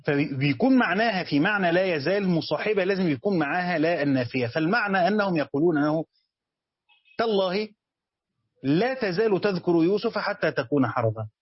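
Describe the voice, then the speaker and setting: A man's voice: a little high, husky, no echo, highs cut off. A man with an Egyptian accent teaching commentary on a religious text, reading passages and then explaining them in colloquial speech with frequent hesitations. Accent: Egyptian Arabic.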